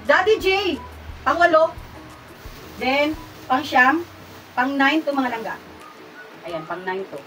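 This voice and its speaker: A Filipino woman vlogger hosting a giveaway raffle, talking casually to her viewers with playful teasing and excited squeals. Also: high-pitched, slow pace, pauses often. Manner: chatty, excited squeals at each winner, playful self-teasing. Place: hot room indoors. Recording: mic at a distance, music playing loud.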